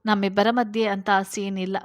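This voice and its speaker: A woman's voice: medium pitch, little pitch movement, a little fast, lightly acted. A woman voicing a defensive, flustered young man in a read-aloud story. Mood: annoyed.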